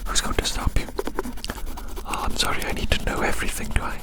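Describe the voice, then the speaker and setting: Breathy whisper, ASMR ramble, playful, repetitive phrasing, no voiced tone. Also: a little fast. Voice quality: fully whispered, breathy and unvoiced. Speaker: ASMR creator.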